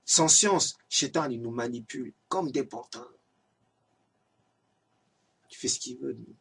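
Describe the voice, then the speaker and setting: A man's voice: mid-range voice, unhurried, vocal fry, fairly bright tone, recorded from a distance, a little hiss or hum. A man giving an earnest, exhorting religious reminder in an amateur home video. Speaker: lay preacher.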